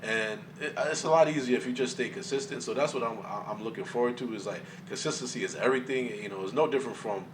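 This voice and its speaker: A man's voice: medium pitch, fast talker, few pauses. A man in casual conversation as a co-host, recorded a little far from the microphone with faint noise behind. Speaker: co-host, game streamer. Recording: distant mic, faint background noise.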